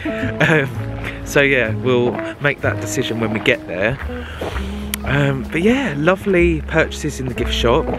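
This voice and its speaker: Unhurried and animated, this mid-range male voice is a young English vlogger chatting happily to his arm's-length camera. He's outdoors among castle grounds and parkland, partly inside a shop, with music behind him.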